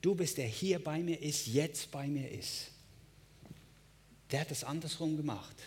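A man's voice: a little high, unhurried, darkish tone. A male pastor preaching a sermon, emphatic, with repeated phrases and direct address to listeners.

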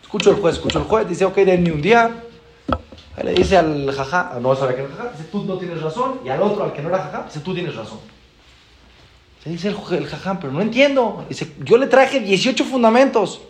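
Rabbi, animated storyteller, high and swooping voice, acts out dialogue. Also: male voice, a little fast, echoey room. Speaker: rabbi teaching a class. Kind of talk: storytelling lesson.

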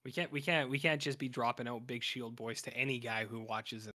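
Hoarse and raspy from all the talking, a man co-hosting a podcast rambles through a TV show recap with many fillers and restarts. He talks fairly quickly at a medium pitch, keeping a steady yet sharp tone.

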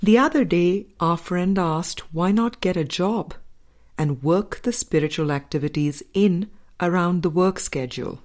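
This is scripted spiritual audiobook narration by a female reader with a low voice. She speaks with slow deliberation, pausing between phrases, in a gentle, soft-edged tone.

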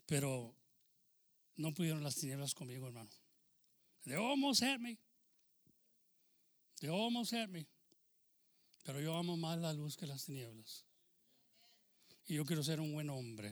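An older man giving an earnest church testimony, exhorting his listeners as brothers and bursting into loud emphasis. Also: medium pitch, no room sound. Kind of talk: testimony sermon.

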